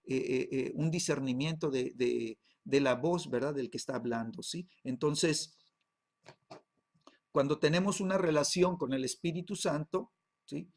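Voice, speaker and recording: A man, a pastor, teaching a Bible class, peppering his talk with tag questions and halting repeats. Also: fairly high pitch, darkish tone.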